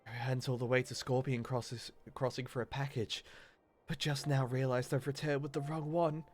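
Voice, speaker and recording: A man's voice: mid-range voice, level tone, moderate pace, faint music behind, close to an everyday voice. A man voicing a melodramatic, out-of-breath male courier who pleads for help, reading game dialogue aloud. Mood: breathless pleading.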